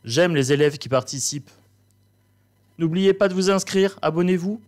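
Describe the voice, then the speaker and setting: Guy doing a bossy fake teacher bit, high voice, theatrical. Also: moderate pace, darkish tone. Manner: mock-stern, theatrical. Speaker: host. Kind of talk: comic teacher role-play.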